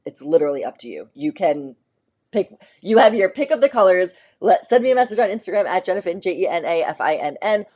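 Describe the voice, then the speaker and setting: Low-voiced woman chatting on a live sale. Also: darkish tone. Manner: chatty, rambling, upbeat with frequent fillers. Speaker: boutique owner hosting a live shopping stream. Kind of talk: casual live-stream product demo.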